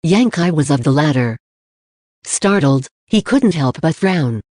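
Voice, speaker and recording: An audiobook narrator reads in a steady, plain storytelling manner. The tone is dark and warm. The sound is close and dry, with no room echo. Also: medium pitch, measured pace.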